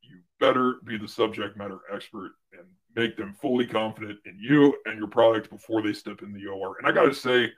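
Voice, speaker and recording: A young man, a guest on a livestream, telling a work story casually with lots of "like" and restarts, getting loud when he quotes someone. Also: fairly low pitch, fairly quick, few pauses. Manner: animated storyteller, fillers and restarts, loud when quoting others. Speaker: guest, former medical device rep.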